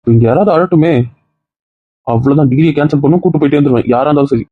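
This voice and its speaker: A man's voice: a little high, very fast, no echo, phone-quality sound, lightly acted. A man playing a caring husband who coaxes and scolds his tearful wife in a homemade skit. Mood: stern. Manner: coaxing, then stern threats.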